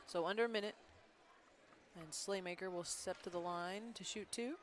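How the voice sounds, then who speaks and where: A woman doing play-by-play for a school basketball game, chatty and quick with her calls, with frequent agreeing hums. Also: mid-range voice, slight background noise. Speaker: play-by-play announcer. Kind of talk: live basketball commentary.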